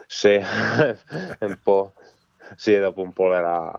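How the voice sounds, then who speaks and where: A man's voice: low-pitched, expressive, slow, creaky, no room sound. A man in his twenties with a northern Italian Trentino accent, answering hesitantly in a casual phone interview. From Trentino, northern Italy. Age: 20s. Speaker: biathlete being interviewed. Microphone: telephone. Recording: slightly dull telephone connection.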